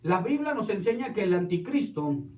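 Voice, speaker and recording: A man's voice: high-pitched, big pitch swings, moderate pace, a little mellow. A man preaching a sermon as pastor, telling stories with quoted dialogue. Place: church hall. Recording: echoey hall, distant mic.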